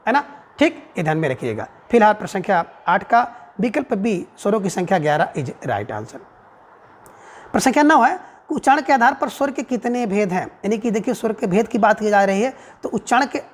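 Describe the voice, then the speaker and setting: A male Hindi grammar teacher running an exam-prep quiz lesson, reading out each answer option slowly and checking in with frequent tag questions. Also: high voice. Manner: reads out each answer option in a measured, drawn-out way.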